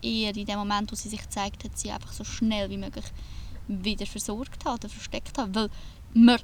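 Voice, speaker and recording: A woman's voice: medium pitch, little pitch movement, a little fast, slight background noise. A woman co-hosting a podcast, speaking reflectively and hesitantly in casual chat from inside a camper van. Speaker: podcast co-host.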